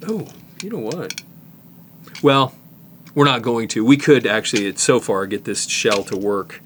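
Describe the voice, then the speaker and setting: In his workshop, a middle-aged man walks through a cassette repair, relaxed and musing aloud with restarts and side comments. His voice sits at medium pitch and moves at a measured pace, over slight background noise.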